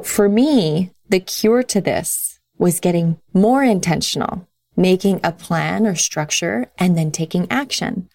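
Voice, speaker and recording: A woman with a slightly low voice and plenty of vocal fry hosts a solo self-help podcast. She gives advice in an earnest, encouraging manner. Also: a little mellow. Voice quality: creaky. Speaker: podcast host.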